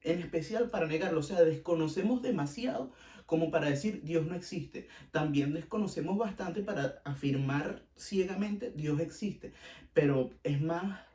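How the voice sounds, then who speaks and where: A man's voice: a little high, normal speed, warm tone, echoey room, distant mic. A man with a Venezuelan accent hosting a casual podcast, giving blunt opinions and repeating himself for emphasis. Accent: Venezuelan Spanish. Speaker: podcast host.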